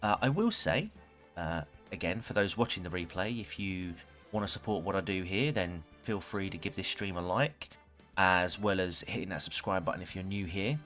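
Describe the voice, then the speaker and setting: Low-voiced, bright male game streamer. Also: expressive, normal speed, faint music behind. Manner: chatty, greets viewers as they arrive. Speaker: live streamer. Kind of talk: casual game stream chat.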